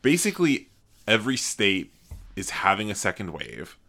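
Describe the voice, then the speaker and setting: A man's voice: lowish voice, wildly swooping pitch, moderate pace, sharp tone. A man co-hosting a podcast from a home study, talking loosely with frequent ums. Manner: loose, hesitant, uses "um" often. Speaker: podcast co-host. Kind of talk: casual chat.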